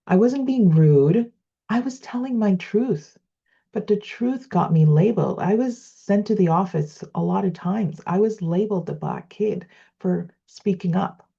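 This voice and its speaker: Low husky woman, earnest and measured. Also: mellow. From Trinidad. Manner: earnest, measured, with slowed emphatic phrases. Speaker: educator. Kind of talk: reflective personal storytelling lesson. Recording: slightly dull lo-fi recording.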